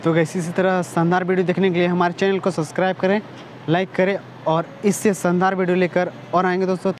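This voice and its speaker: A man's voice: sits high, little pitch movement, fast talker. A young man casually explaining things in a vlog, hesitant and full of fillers, recorded on a phone on a rooftop outdoors. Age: young adult. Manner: hesitant, many fillers and restarts. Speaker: vlogger. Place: rooftop outdoors over an industrial area. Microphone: phone camera held close. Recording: outdoor phone recording with faint street noise.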